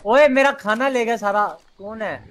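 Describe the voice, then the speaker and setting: A man's voice: high-pitched, moderate pace, fairly bright tone. A man playing a survival game with friends, bantering and teasing in casual chat. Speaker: fellow player.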